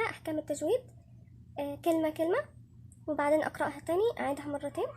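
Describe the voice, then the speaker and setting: A woman's voice: high-pitched, a little mellow, a little hiss or hum. A woman with an Egyptian Arabic accent teaching Quran recitation step by step, patiently repeating each sound several times to demonstrate it. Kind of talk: step-by-step tajweed lesson.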